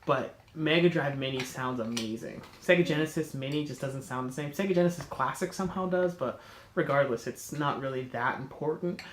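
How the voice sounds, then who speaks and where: Speaking briskly at a medium pitch, the congested North American host rambles with enthusiasm through a casual chat, stopping to correct himself. His cold makes him sound nasal, and the room echoes with a little hiss or hum.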